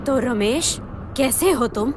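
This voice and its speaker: A woman playing a vengeful female ghost who speaks slowly and coldly, with threat in every word. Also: a little high, lively intonation, noisy background. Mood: taunting. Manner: slow, cold, threatening. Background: background music.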